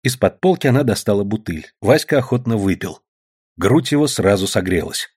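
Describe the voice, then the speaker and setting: Male audiobook narrator, husky tone, expressive storytelling, lively intonation. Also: fairly low pitch, normal speed.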